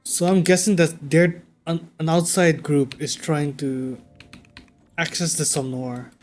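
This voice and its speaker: A man livestreaming a game, talking casually and thinking out loud in a conversational way. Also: on the high side, fairly even intonation, a little slow. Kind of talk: casual livestream chat while playing a game. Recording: game music behind the voice. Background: video game music.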